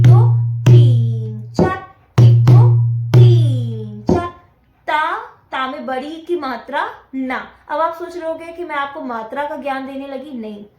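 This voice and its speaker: A woman's voice: high-pitched, echoey room, highs cut off. A woman teaching dholak to beginners, explaining patiently step by step and counting the beats aloud as she plays. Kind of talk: casual music lesson. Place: indoor room with dholak drum playing.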